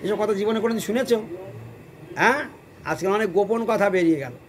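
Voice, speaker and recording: A man's voice: sits high, quick pace. A man preaching a devotional sermon, chanting verses and quizzing his listeners with questions.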